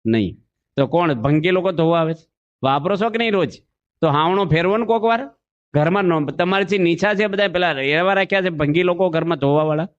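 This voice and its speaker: Monk preaching, folksy stories, kinda high voice, muffled lo-fi sound. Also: male voice, animated, fairly quick. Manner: storytelling, asks the audience questions, acts out voices. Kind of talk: folksy sermon with anecdotes. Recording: dull lo-fi recording.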